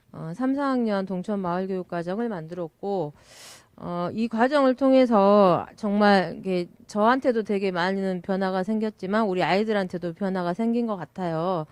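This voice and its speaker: Smooth-voiced woman giving a reflective talk. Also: mid-range voice, no room sound. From South Korea. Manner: warm and reflective, with many "uh" fillers. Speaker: village education researcher. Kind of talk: speech at a closing event.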